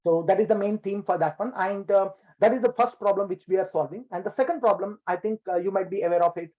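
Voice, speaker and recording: A man answers interview questions over a bad video call connection. His audio sounds thin and phone-like and keeps cutting out. His voice sits a little high, and he talks at length with many "like, you know" fillers. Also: fast talker. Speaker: business owner interviewed as guest. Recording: tinny lossy video call line.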